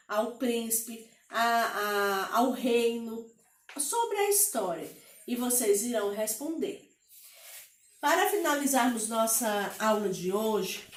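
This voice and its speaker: A woman with a Brazilian Portuguese accent teaching a lesson to children, speaking slowly and patiently and drawing words out syllable by syllable. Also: on the high side, echoey room, recorded from a distance.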